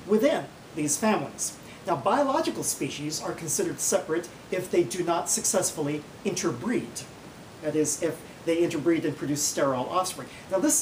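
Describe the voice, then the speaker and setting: A woman giving an educational lecture in a measured, didactic way. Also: darkish tone. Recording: roomy, distant mic, faint rumbling noise.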